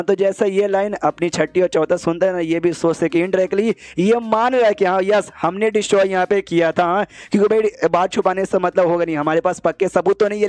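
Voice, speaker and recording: A man with a high voice retells a story in a loose, chatty way, often turning to address the listener. He speaks every character's lines in his own voice. The recording is dry and close, with no room sound. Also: darkish tone, no echo. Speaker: narrator retelling an animated series. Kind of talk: casual storytelling recap.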